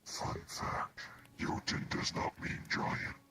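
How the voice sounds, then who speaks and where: A man casually explaining old myths to friends, slow and rambling with pauses to find his words. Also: bright, forceful tone, whispered.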